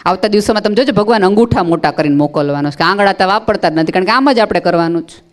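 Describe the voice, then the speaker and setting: A woman's voice: mid-range voice, expressive, racing. A woman from Gujarat giving a motivational speech on parenting, telling stories expressively and repeating phrases for emphasis. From Gujarat, India. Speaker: motivational speaker.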